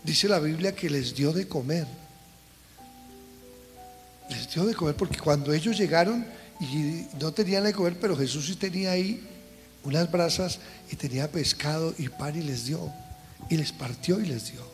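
A man's voice: fairly high pitch, normal speed, long pauses, in a large hall, soft background music. A man pastor preaching a sermon at a church service, fervent and repetitive, building his phrases to emphatic peaks.

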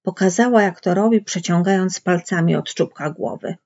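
A woman reading literary prose aloud in a measured storytelling manner, with a husky voice. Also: fairly low pitch, darkish tone. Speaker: audiobook reader. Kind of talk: literary narration. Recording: dull lo-fi recording.

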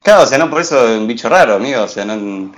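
A man's voice: mid-range voice, rapid-fire. A young man with a Rioplatense accent chatting casually and mockingly about a film. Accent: Rioplatense Spanish. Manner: animated, mocking, slangy. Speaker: co-host reviewing a film. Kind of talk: casual film review chat.

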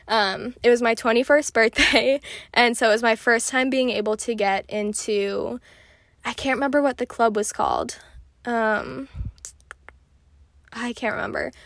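A woman's voice: on the high side, a bit bright, dry recording, studio quality. A woman in her twenties casually telling stories, chatty and full of "like" fillers. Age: 20s. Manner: chatty, filler-heavy with frequent "like". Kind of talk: casual storytelling.

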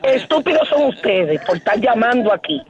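A woman's voice: fairly high pitch, animated, fairly quick. A woman on a telephone call, complaining in an indignant, insistent and exasperated way. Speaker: prank call victim. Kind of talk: exasperated phone conversation. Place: at home on the phone. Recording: dull lo-fi telephone line.

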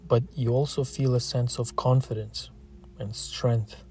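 There's a faint hiss or hum behind this man as he narrates a scripted, slow guided meditation. His mid-pitched voice is relaxed and mellow, soothing and nearly flat in contour, with short phrases broken up by long, leisurely pauses.

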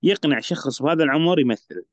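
A man with an Iraqi Arabic accent joins a casual film discussion as a panelist. He speaks quickly through a dull, lo-fi microphone. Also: a little high, no room sound.

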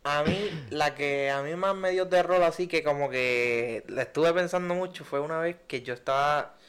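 A man's voice: fairly high pitch, smooth. A young man, co-hosting a casual podcast chat and telling stories in a loose, slangy way. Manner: slangy storytelling, drawn-out and animated when telling a scary dream. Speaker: podcast co-host.

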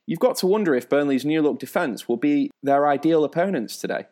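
A man's voice: fairly high pitch, lively intonation, a little fast, darkish tone. A man hosting a spoof football show, with a dry, teasing presenter delivery. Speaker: host.

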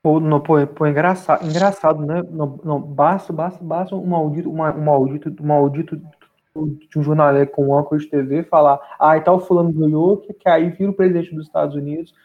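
A man's voice: on the high side, fairly even intonation, brisk. A man co-hosting a podcast in casual political chat, rambling with many restarts and repeated words. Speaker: podcast co-host. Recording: dull lo-fi sound.

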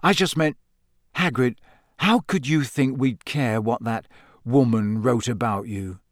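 A man's voice: mid-range voice, a little slow, no room sound, clean studio sound, close to an everyday voice. A man voicing a loyal, earnest and slightly awkward teenage schoolboy in a storybook, impulsive and plain-spoken.

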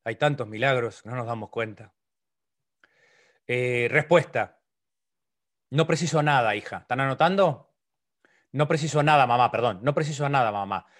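A middle-aged man with a Uruguayan Spanish accent, a psychologist giving an online motivational talk with humor, playful, jumping from loud, high complaining voices down to soft, near-whispered lines. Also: normal speed, pauses often.

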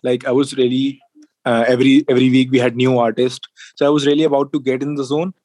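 A man's voice: mid-range voice, flat delivery, fast talker, darkish tone, no echo. A man in his twenties with a North Indian accent, chatting casually as an interview guest and switching between English and Hindi. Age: 20s. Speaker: interview guest, music producer and sound engineer.

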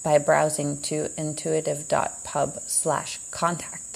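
A woman hosting her own show, speaking in a slow, meandering, introspective monologue with long pauses. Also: low voice, flat delivery, gravelly, slightly rough, rough recording. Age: adult, heard as a child in the 80s. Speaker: podcast host.

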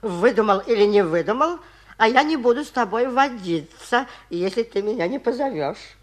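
A man's voice: high voice, lively intonation, moderate pace. A small, boastful flying rooftop fellow in an old 1950s radio play. He is pompous and greedy, stretching his hesitations with great self-importance. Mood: huffy, demanding. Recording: 1950s radio drama recording.

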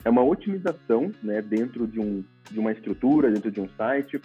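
A man's voice: lowish voice, animated, brisk, slightly rough, highs cut off, soft background music. A Brazilian man, a podcast guest, explaining things in a casual, informal way and often adding tag questions. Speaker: podcast guest, paid traffic manager.

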